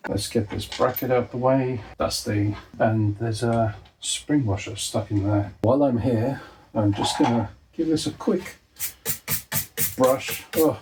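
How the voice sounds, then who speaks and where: A man hosts a hands-on repair tutorial, chatting casually with dry humour while working at an indoor desk. His voice is medium-pitched, a little slow and slightly mellow, over soft background music and the clicks and handling noise of tools. The audio quality is poor.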